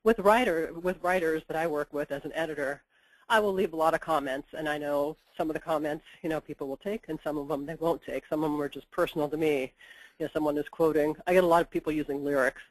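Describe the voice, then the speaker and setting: With a low, steady voice and a quick pace, a woman editor, congested from a cold, explains practical matters in a webinar interview, frequently dropping in "you know." There's no room sound, and the recording quality is rough.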